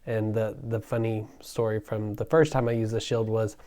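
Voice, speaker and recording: A man's voice: fairly low pitch, level tone, normal speed, mellow. A man chatting casually as a co-host of a church conversation. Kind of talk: casual chat.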